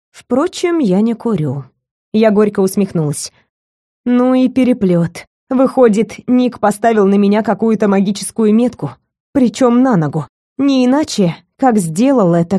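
Mellow woman narrating an audiobook. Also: mid-range voice, dry recording, studio quality. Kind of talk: first-person audiobook narration.

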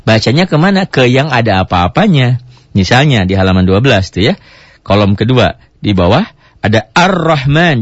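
A man teaching Quran recitation in a radio lesson, asking rhetorical questions and jumping up in pitch to stress points. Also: breathy edge, no room sound. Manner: animated, pitch jumps high for emphasis, rhetorical questions. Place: radio studio. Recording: dull, dry radio broadcast sound.

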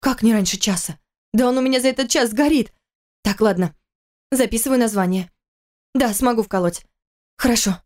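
A woman reading a story aloud, voicing a worried, sarcastic wife and mother who scolds quickly and sharply in a raised voice. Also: fairly high pitch, darkish tone, pitched above the performer's own voice, lightly acted. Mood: alarmed.

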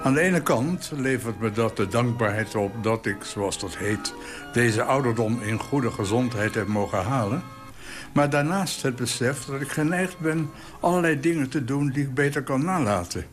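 A man's voice: medium pitch, animated, normal speed, over music. A man in his eighties reading his own column aloud with dry, wry storytelling. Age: 80s.

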